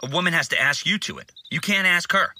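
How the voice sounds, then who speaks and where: A man's voice: fairly high pitch, expressive, quick pace, bright, forceful tone, heavily acted. A man playing a cocky, sardonic young schemer in a cartoon, explaining things in a wry, long-winded way. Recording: music behind the voice.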